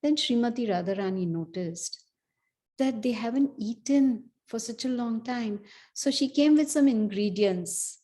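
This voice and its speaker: Mellow-voiced woman teaching scripture. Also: on the high side, animated, measured pace. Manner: conversational storytelling, frequent "you know". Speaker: class speaker. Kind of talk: scripture class.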